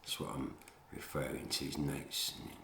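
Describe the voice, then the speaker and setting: A man's voice: rumbling low, completely flat delivery, moderate pace, creaky, sharp tone. A man talking in a rambling, chatty way and calling the listener mate, recorded at home on a handheld dictaphone. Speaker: solo monologue host. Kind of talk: rambling casual monologue. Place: at home, near the kitchen kettle. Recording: echoey room on a dictaphone, faint hiss.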